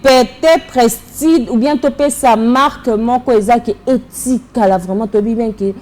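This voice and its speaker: A woman's voice: a little high, measured pace, darkish tone. A woman with a Congolese French accent, a fashion designer answering interview questions in a casual way, switching between French and Lingala and searching for her words.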